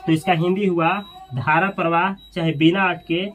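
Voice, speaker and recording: A man's voice: fairly high pitch, fairly even intonation, normal speed, a bit bright. A man teaching an English grammar lesson, asking questions and repeating the class's answers.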